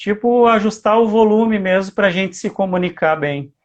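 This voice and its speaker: A man hosting a live interview, asking questions in a relaxed, conversational way. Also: high-pitched, moderate pace, lo-fi sound. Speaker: host interviewer.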